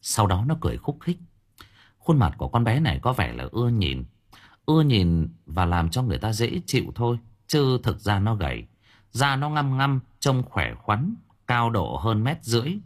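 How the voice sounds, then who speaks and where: A man's voice: mid-range voice, big pitch swings, moderate pace. A man narrating a horror story for an audiobook, telling it vividly and dramatically.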